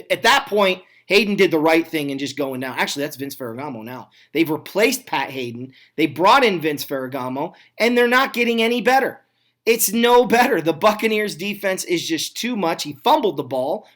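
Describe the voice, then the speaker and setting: A man narrating old football footage in casual, conversational play-by-play, speeding up in quick, energetic bursts. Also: on the high side. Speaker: retro football video narrator.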